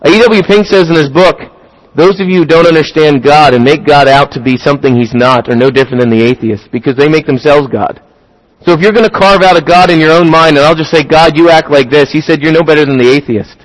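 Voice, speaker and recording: A man's voice: on the high side, fast talker, rough recording. A man preaching a sermon, talking through rhetorical questions and building to emphatic, rising points.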